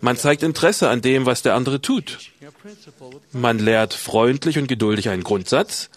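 A man reading a sermon in an earnest, gently exhorting way, with measured pacing. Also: medium pitch. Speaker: sermon speaker. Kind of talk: read sermon with a lively, measured delivery.

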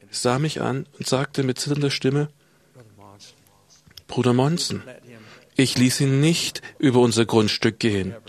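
A man reading a sermon in an earnest, gently exhorting way, with measured pacing. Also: medium pitch. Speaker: sermon speaker. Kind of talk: read sermon with a lively, measured delivery.

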